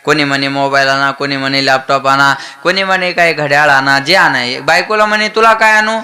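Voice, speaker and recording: A man preaching a humorous kirtan sermon, telling anecdotes and acting out the dialogue in them. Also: a little fast. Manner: animated storytelling, acts out dialogue, bursts into high sung verses.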